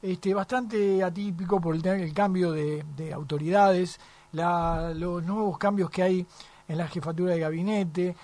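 A male radio host with an Argentine accent and a high-pitched voice. He interviews casually, with a chatty, teasing manner, in a dry studio sound. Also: steady tone, measured pace, darkish tone, dry recording.

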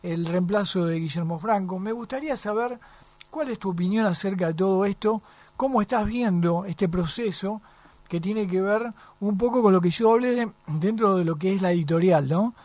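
A male radio host with an Argentine accent and a high-pitched voice. He interviews casually, with a chatty, teasing manner, in a dry studio sound. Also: moderate pace, a little mellow, no room sound.

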